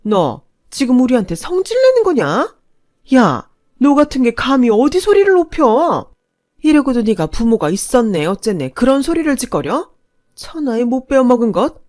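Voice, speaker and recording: A woman voicing a snobbish, furious middle-aged mother who scolds her son's girlfriend in a shrill, contemptuous voice. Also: lively intonation, moderate pace, darkish tone, dry recording, clean studio sound, close to an everyday voice. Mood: furious scolding.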